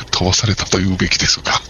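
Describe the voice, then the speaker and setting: Low-voiced man explaining postal tips. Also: monotone, quick pace. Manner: chatty, jokey, practical advice-giving. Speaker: post office worker as guest. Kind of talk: casual explanatory interview talk. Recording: dull lo-fi with faint noise.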